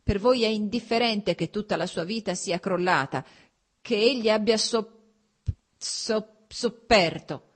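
A woman voicing a cold, stern middle-aged husband whose voice turns shrill with anger, harsh and formal. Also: moderate pace, hardly any pauses, lightly acted.

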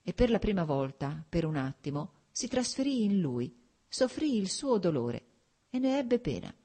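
A woman narrating a novel aloud in a measured, expressive literary reading. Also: mid-range voice, breathy edge. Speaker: audiobook narrator. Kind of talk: scripted narration.

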